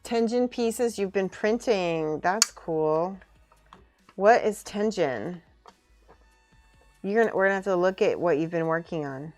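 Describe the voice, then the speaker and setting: Lower-pitched woman chatting over music. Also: a little slow, long pauses, darkish tone. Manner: informal, thinking aloud, muttering to herself. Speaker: streamer building and painting miniature models. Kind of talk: casual live-stream chat while crafting.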